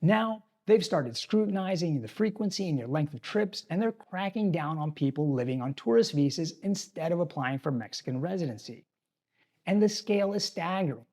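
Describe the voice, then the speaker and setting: A man hosting an expat channel from a tropical island gives viewers scripted, direct advice on living abroad in a talking-head explainer. His voice is fairly high, expressive and darkish, at a moderate pace.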